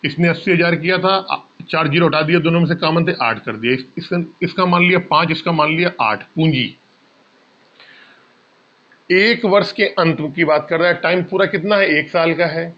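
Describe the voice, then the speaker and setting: A man's voice: fairly high pitch, moderate pace, lo-fi sound. A male maths teacher explaining exam problems step by step, asking questions and answering them himself. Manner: addresses students as bhaiya. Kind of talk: exam-prep maths lesson.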